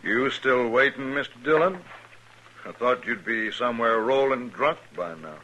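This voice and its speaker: An actor playing a smug, menacing gang leader who makes sneering, mock-friendly threats, in 1950s radio drama acting. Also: male voice, medium pitch, animated, moderate pace, pushed and bright, a little hiss or hum, rough recording.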